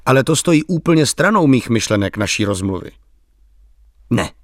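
A man's voice: medium pitch, very animated, dry recording, studio quality, lightly acted. A man voicing a bitter, ironic, middle-aged village intellectual who speaks politely but with an edge.

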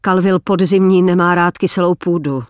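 A man voicing a hidden German soldier in an audiobook, speaking calmly and gravely. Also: sits high, dry recording, studio quality, natural voice.

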